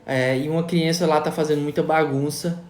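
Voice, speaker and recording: A man's voice: fairly high pitch, steady tone, fairly quick, darkish tone. A man giving a live online talk on psychology, emphatic and full of rhetorical questions, tagging his sentences with a questioning "right?". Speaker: psychology educator. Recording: roomy echo.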